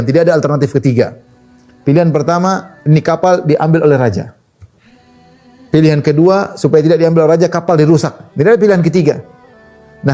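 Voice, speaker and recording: A man preaching a sermon, telling stories in an animated, conversational way with wide swings in pitch. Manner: casual conversational phrasing. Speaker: Islamic preacher.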